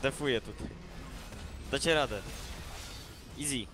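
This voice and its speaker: A man playing as a teammate, making quiet, mumbled calls in casual gameplay chat. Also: mid-range voice, a little slow. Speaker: gaming teammate.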